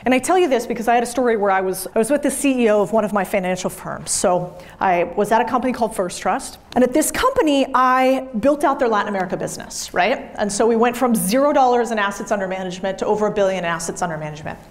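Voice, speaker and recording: A woman's voice: on the high side, animated, fast talker, hardly any pauses. A woman in her thirties giving a blunt, emphatic motivational talk to a live audience, swearing freely. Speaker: business speaker. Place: event room with audience.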